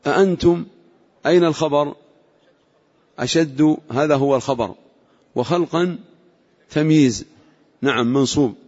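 A man's voice: fairly high pitch, normal speed, long pauses, a little mellow. A man teaching a classroom lesson on Quranic exegesis, explaining carefully and quizzing his students on grammar. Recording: lo-fi recording in a reverberant hall.

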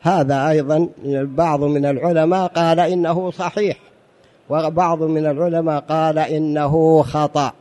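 A man's voice: a little high, level tone, moderate pace, mellow. A man giving a religious lesson on jurisprudence, explaining patiently, repeating key phrases and asking the audience rhetorical questions. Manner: explanatory, addresses the audience as brothers. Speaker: religious teacher.

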